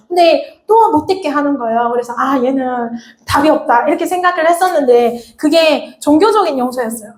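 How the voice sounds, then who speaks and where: A woman giving a chatty, confessional church class message and laughing at herself. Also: high voice. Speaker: church teacher. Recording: echoey room.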